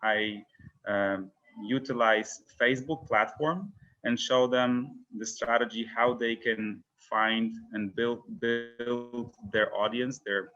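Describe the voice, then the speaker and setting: A man's voice: mid-range voice, fairly even intonation, slow, pushed and bright, lo-fi sound. A man from Poland, founder of an education company, talking casually in an interview with many fillers and restarts.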